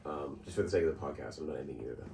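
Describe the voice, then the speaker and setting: Recorded from a distance in a roomy space with faint noise, a man with a very deep, dark voice races through a story as a podcast co-host. It's casual chat, rambling, full of fillers, restarts and frequent laughter.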